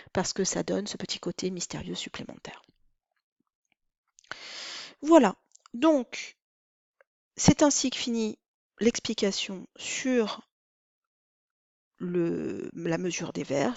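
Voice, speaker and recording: A woman teaching a lesson on counting the syllables of verse, with a clear, deliberate delivery. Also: mid-range voice, darkish tone, dry recording, lo-fi sound. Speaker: French teacher. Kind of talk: recorded lesson.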